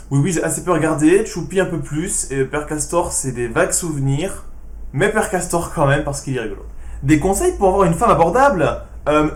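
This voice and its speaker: A man runs through viewer questions with dry, sarcastic answers, keeping his voice hushed. His voice sits a little high, and the room around him sounds echoey. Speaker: YouTuber answering fan questions. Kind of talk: casual Q&A vlog.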